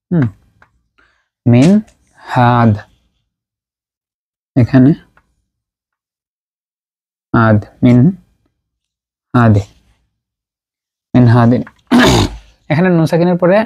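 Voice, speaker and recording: A patient male recitation teacher walks through rules one step at a time, stopping often to repeat each term slowly. His delivery halts with fillers and pauses as he works through written examples, in a voice of ordinary middle pitch. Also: mellow, muffled recording. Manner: patient, drills terms by slow repetition; halting, with frequent pauses and fillers. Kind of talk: explanatory lesson at a writing board.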